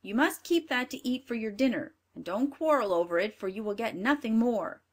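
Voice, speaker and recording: A woman voicing a harsh, scornful stepmother in a storybook reading, sharp and commanding. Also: fairly high pitch, animated, a little fast, slightly rough. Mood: scolding. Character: harsh scolding stepmother, middle-aged woman.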